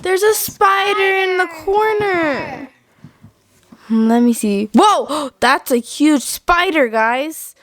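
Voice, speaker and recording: A woman voicing a calm, helpful mom doll in doll pretend play, talking gently and without hurry. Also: high-pitched, slow pace, no echo. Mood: alarmed.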